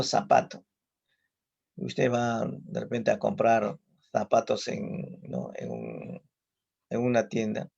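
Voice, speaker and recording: Peruvian guy giving a talk, super gravelly voice, drags it out, lists words, dull muffled sound. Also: lowish voice. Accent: Peruvian Spanish. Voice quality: gravelly, husky. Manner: slow, deliberate, with frequent "¿no?" tags and listed example words. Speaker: psychologist giving a conference talk. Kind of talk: online lecture. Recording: muffled lo-fi audio.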